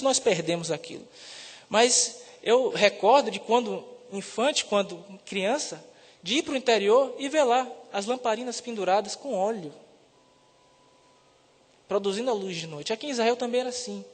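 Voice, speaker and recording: Man, preaching, emphatic loud peaks, fairly high voice, long church reverb. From Salvador, Brazil. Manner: rises to loud emphatic peaks on key words. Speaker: seminarian preacher. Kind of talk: sermon.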